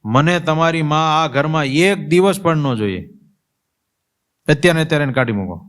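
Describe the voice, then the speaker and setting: A man's voice: medium pitch, expressive, moderate pace, gravelly. A man voicing a domineering, angry young wife who snaps out commands and ultimatums, inside a spoken sermon story. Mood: angry commanding.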